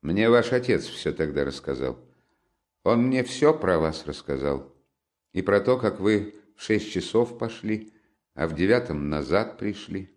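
This audiobook character reading features a sullen, curt young man, brooding and dark, whose withdrawn tone never lifts. The male reader gives him a somewhat low voice in his own register, performing in an animated but unhurried way.

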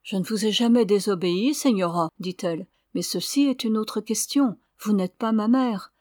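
A woman reading aloud voices a gentle young orphan who speaks up firmly and earnestly. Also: medium pitch, normal speed, dry recording, clean studio sound, natural voice. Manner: firm, earnest.

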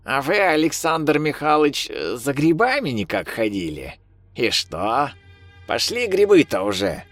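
A man's voice: fairly high pitch, big pitch swings, a little slow, fairly bright tone, dry recording, soft background music, voice pushed up, full character voice. A man putting on a grumbling old village granny. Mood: curious. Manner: scolding, grumbling. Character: bossy elderly village grandmother.

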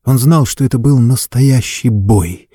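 Male narrator, mid-pitched and dark, dry close sound, steady dramatic audiobook reading. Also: measured pace, slightly rough, no echo.

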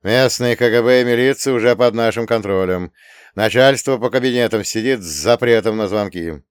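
A calm, reassuring general, as a male reader voices him reports in an even, steady way. His tone is resonant and dry, with a full and clear ring. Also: medium pitch, normal speed, no echo, close to an everyday voice.

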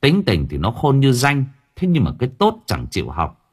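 A man narrating an audiobook story in an expressive storytelling manner. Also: mid-range voice, normal speed, breathy edge. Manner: expressive, swinging voice for drama.

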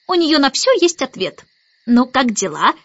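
A woman's voice: high-pitched, sing-song, a little slow, a bit bright, no room sound, muffled recording, voice pushed up, heavily acted. A woman reading an audiobook and voicing a fussy, sentimental old male starling who chatters and talks down to others. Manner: chattering, condescending, rasping whisper at times.

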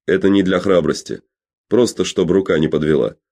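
A man voicing a reckless, boastful boat captain who drinks to steady his nerve, in an audiobook reading. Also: deep voice, normal speed. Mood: swaggering. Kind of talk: audiobook character voice.

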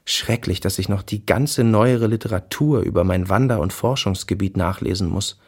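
An actor reading a wandering poet-philosopher's diary entries in a literary radio feature, solemn and ecstatic. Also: male voice, fairly low pitch, moderate pace, breathy edge. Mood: brooding.

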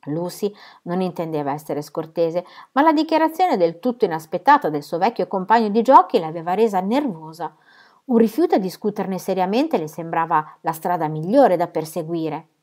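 A woman reading a novel aloud in a measured, expressive audiobook style. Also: fairly low pitch. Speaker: reader.

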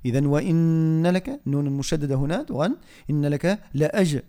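A man teaching Quran recitation on the radio, explaining softly and then chanting verses slowly. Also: a little high. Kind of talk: tajweed lesson with chanted recitation. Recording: radio studio.

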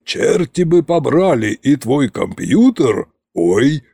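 A man's voice: mid-range voice, sing-song, slow pace, gravelly, warm tone, husky, dry recording, clean studio sound, heavily acted. A man voicing a bony undead tsar-sorcerer who bellows and curses in a storybook reading. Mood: furious shouting. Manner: bellowing, cursing. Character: bony undead male tsar-sorcerer, hot-tempered and bossy.

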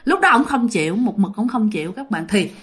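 A woman's voice: medium pitch, very animated, brisk, husky. A woman telling a ghost story in a chatty, repetitive way, often speaking straight to her listeners. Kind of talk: casual ghost story narration.

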